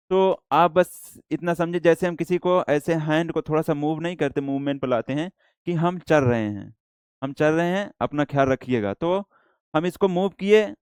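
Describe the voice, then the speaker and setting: Indian guy teaching a shorthand lesson, slightly high voice, dry close sound, goes slow and repeats stuff. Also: clean tone, dry recording. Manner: explains slowly, repeats, mixes English words into Hindi. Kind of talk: classroom lecture.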